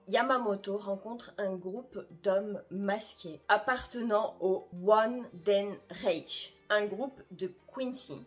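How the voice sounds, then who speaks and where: Chatty woman presenting anime releases. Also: mid-range voice. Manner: chatty and self-deprecating, with frequent "euh" and "entre guillemets". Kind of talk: casual vlog, reading anime summaries.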